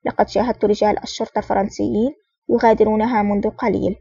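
A woman's voice: mid-range voice, flat delivery, fast talker, vocal fry, warm tone, husky, dry recording. A woman reading the lines of an eager, polite young female agent in an earnest, respectful manner. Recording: dull, distant, dry recording.

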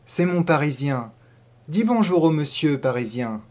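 A man's voice: fairly high pitch, expressive, a little slow, a little mellow. A man voicing a cheerful young peasant maid and mother who talks simply and proudly in a storybook reading. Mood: friendly. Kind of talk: audiobook character voice.

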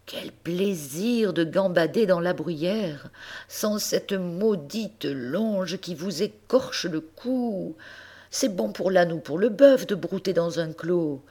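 Woman voicing a young female goat, pleading, high and bright, slow, storybook. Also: expressive, breathy edge, exaggerated voice. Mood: yearning. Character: young female goat, restless, longing for freedom.

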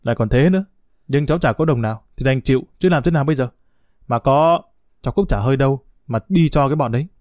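A man's voice: medium pitch, quick pace, a little mellow, no room sound, studio quality, close to an everyday voice. Man playing a brash, defiant young father. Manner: blunt, rough-spoken.

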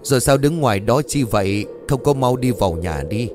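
A gruff, hot-tempered old father, as a male narrator does him, scolding and blunt. His voice swings widely in pitch over faint background music. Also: lively intonation, a little fast, close to an everyday voice. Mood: angry.

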